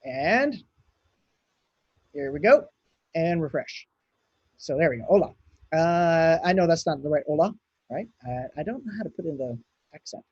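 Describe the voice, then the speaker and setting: A man's voice: a little high, expressive, moderate pace, long pauses, darkish tone, slightly rough, no room sound, muffled recording. A man from Hawaii giving a conference talk, thinking aloud and chatting as he runs a live coding demo. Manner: chatty, thinks aloud while clicking and typing. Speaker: conference speaker.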